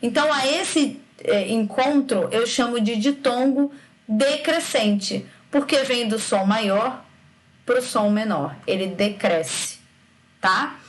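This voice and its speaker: A woman teacher talks through a recorded grammar lesson with a fairly high voice. She drags syllables out slowly to demonstrate sounds, then keeps checking in with her students.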